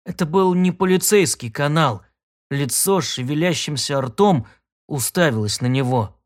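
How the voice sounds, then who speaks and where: A man narrating a science fiction audiobook in steady storytelling. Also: on the high side, normal speed. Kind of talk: scripted narration.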